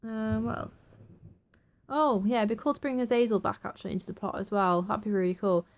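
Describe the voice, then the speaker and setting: A young woman giving a chatty, excitable casual review of a TV episode. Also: mid-range voice, a little fast. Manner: chatty, excitable, acts out quotes.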